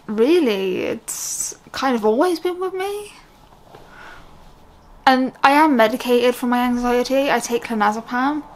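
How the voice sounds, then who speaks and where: High-voiced young British woman, candid and rambling. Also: fairly bright tone, poor audio. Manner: candid, rambling, self-interrupting. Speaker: vlogger. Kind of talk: casual unscripted talk to camera.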